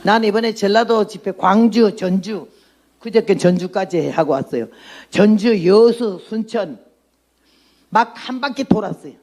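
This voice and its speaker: A woman's voice: medium pitch, measured pace, a little mellow. An outspoken woman in her eighties preaching a testimony sermon as a missionary, blunt and emphatic. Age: 80s.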